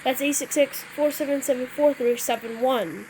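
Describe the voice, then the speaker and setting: A high-voiced woman with a darkish tone speaks at a moderate pace on a low-quality recording with slight background noise. Role-playing an emergency alert scenario in a game, she shifts between casual remarks and invented weather bulletins. She tends to clear her throat and stumble when reading wording aloud.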